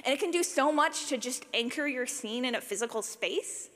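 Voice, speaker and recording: A woman whose voice sits high talks at normal speed about her work as a sound designer for audio fiction, in a casual conference session with audience Q&A. Energetic and quick to joke at her own expense, she uses "like" frequently. The talk is live in a large reverberant space, and the audio sounds like a hall.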